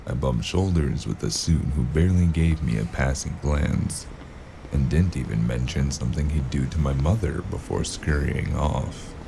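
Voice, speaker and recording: A man playing a weary, sardonic noir gun-for-hire in an audio drama, with a gravelly voice and dry, clipped delivery. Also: background noise, exaggerated voice. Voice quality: gravelly, very low. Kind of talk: noir detective audio drama with hardboiled narration.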